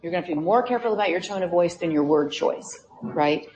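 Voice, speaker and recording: A woman's voice: fairly low pitch, animated, fast, a little mellow. A woman giving a conversational conference talk, telling stories with many fillers and asides. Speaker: presenter. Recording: echoey hall.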